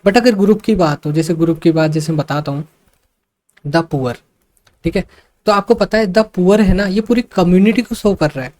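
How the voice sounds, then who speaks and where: A man's voice: high voice, a little mellow. Man patiently explaining a grammar lesson. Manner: explains slowly, repeats points, frequent fillers like 'see' and 'okay'; mixes English terms into speech. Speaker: English grammar tutor. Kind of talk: online exam-prep lesson.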